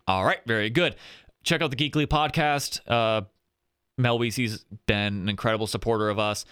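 A young man hosting a casual gaming podcast, chatting and running through plugs and shout-outs. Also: fairly low pitch, moderate pace, clean tone, no room sound, clean studio sound. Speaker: podcast host.

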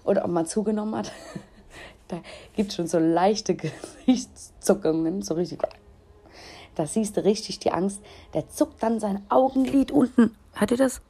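A woman's voice: mid-range voice, normal speed, dark tone, slightly rough. A woman in her thirties hosting a podcast, delivering a blunt, crude, comedic rant in an exasperated tone. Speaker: podcast host.

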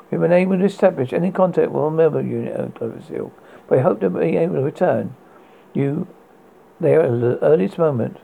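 A man reading a 1930s-style radio news drama aloud in a gravelly, husky voice, halting and stumbling over words. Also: a little high, warm tone, rough recording. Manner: halting, stumbling delivery with misreadings. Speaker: amateur reader of a radio drama script.

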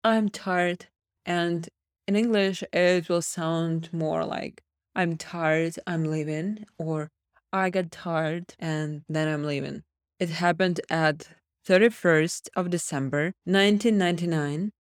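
A woman's voice: fairly low pitch, fairly even intonation, slow pace, smooth, no room sound, studio quality. A woman with a Russian accent, a native Russian speaker hosting a short educational podcast and explaining phrases like a language teacher.

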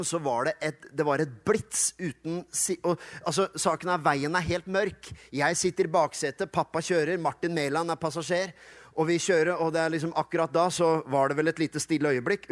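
Man, high voice, pastor preaching, lively and humorous, acts out quotes. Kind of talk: sermon.

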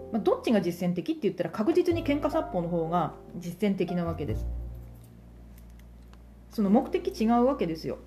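A woman's voice: on the high side, warm tone. A woman talking to camera in a chatty, playful monologue, full of exaggerated asides. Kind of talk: casual spoken monologue.

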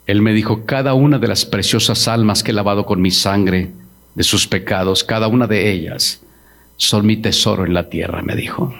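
A middle-aged man, a pastor giving a solemn testimony in a church, slowing down to quote words with emotion. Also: fairly low pitch, vocal fry, fairly bright tone. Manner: slow, solemn, quoting Jesus with emotion. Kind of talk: testimony sermon.

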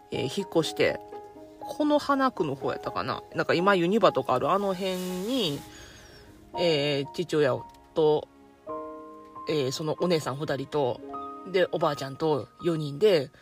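Kansai woman rambling casually, laughs at herself a lot, bouncy pitch. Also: lively intonation, unhurried, soft background music. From Kansai, Japan. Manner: chatty and self-deprecating, laughs easily. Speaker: podcast host. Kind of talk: casual monologue.

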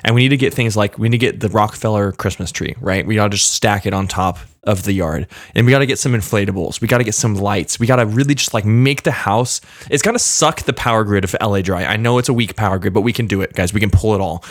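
A man's voice: lowish voice, fast talker, few pauses, no echo, studio quality. A man co-hosting a podcast, rambling through an idea with lots of fillers in casual chat. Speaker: podcast co-host.

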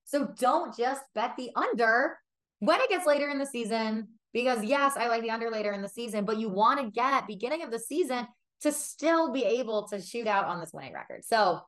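A woman's voice: fairly high pitch, a bit bright. A woman co-hosting a sports betting podcast, chatting casually, emphatic and often laughing as she talks. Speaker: podcast co-host.

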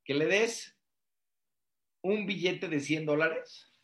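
A man, a rabbi giving a conversational religious class. His voice sits fairly high, and he talks earnestly, circling back on his own phrases and posing question after question to his listeners. The room around him rings with a clear echo. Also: slow pace, a bit bright. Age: adult father. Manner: earnest, repeats phrases for emphasis, many rhetorical questions.

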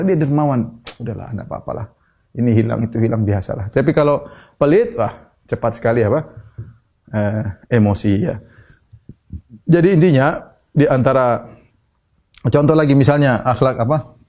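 A man giving an Islamic sermon in speech, teaching in a lively way, acting out quoted people and reciting Quran verses. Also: a little high. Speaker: Islamic preacher.

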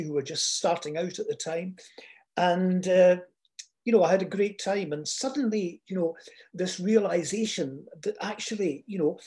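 An older man shares reflective personal stories. His voice sits high for a man and has a soft, mellow tone. He speaks haltingly, pausing often as he goes. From Scotland.

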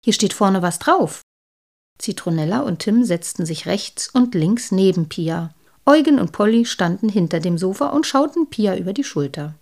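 A woman's voice: moderate pace, gravelly. Woman reading a children's story aloud. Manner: lively, shifts pitch for children's lines.

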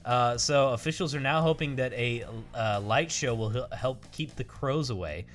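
A man's voice: mid-range voice, normal speed, a bit bright. A man co-hosting a casual podcast, joking around and reading out news stories. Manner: jokey, reads news stories aloud. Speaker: co-host.

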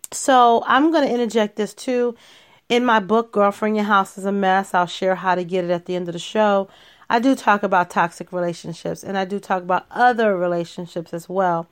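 Woman doing a solo podcast, earnest and chatty, mid pitch. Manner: earnest, laughs at her own points. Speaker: podcast host.

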